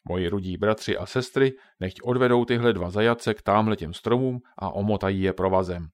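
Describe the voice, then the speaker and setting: A man doing a booming, angry bearlike camp chief. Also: dry recording, close to an everyday voice. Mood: gruff, stern. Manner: booming, stern and threatening.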